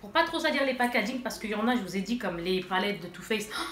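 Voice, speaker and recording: A woman's voice: mid-range voice, animated, quick pace, fairly bright tone. A woman vlogger with a stuffy nose from allergies, chatting casually to her viewers as she shows and swatches makeup. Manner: chatty, addresses viewers directly, many fillers. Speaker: beauty vlogger. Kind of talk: casual haul and swatch demo. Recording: echoey room, faint noise.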